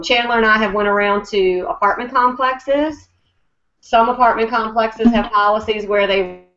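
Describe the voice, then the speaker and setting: A woman coaching her sales team in an upbeat, chatty way, her talk full of fillers. Her voice sits at a medium pitch. The recording sounds dull and lo-fi. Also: a bit bright. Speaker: network marketing team leader.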